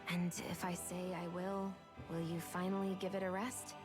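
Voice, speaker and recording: A woman's voice: lowish voice, level tone, moderate pace, natural voice. A woman playing a cool, guarded young woman in a fantasy video game, with music behind. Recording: game dialogue under music.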